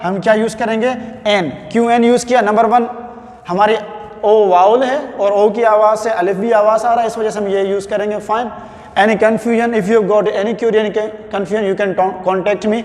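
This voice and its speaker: A male English teacher with a Sindhi-accented Urdu, giving a classroom grammar lesson. He talks slowly, dictates words syllable by syllable and calls his students "my child". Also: high voice, steady tone, darkish tone. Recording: echoey classroom with long reverb.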